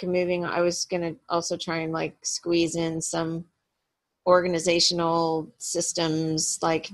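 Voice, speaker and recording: A woman's voice: on the low side, a bit bright. A woman hosting a team video call, chatty and upbeat, with lots of fillers and laughter. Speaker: meeting host. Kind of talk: casual video call meeting.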